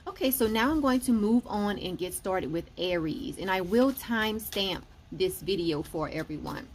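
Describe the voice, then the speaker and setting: A woman's voice: medium pitch, lively intonation, moderate pace, slight background noise. Woman explaining astrology, saying "okay" often. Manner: explanatory, often says "okay" between points. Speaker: astrology and tarot reader. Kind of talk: casual weekly forecast talk.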